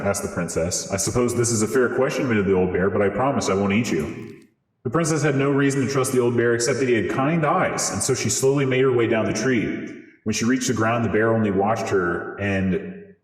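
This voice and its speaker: A man reading a fairy tale aloud through a voice changer that morphs his voice, in steady storybook narration. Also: mid-range voice. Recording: roomy with long reverb.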